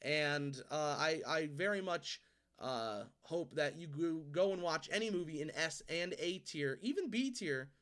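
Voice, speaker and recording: A man's voice: on the high side, expressive, fairly bright tone. A man in his twenties hosting a video, telling a story in a rambling way, swearing freely and correcting himself as he goes. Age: 20s. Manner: rambling, profane, quick self-corrections. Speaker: host. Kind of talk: casual storytelling and movie ranking.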